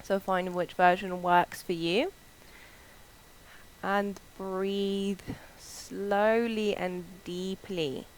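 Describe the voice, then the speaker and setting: A woman leading a yoga class, gently guiding the breath in a slow and soothing way, with soft pauses. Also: mid-range voice, level tone, poor audio. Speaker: yoga instructor. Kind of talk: guided breathing and meditation class.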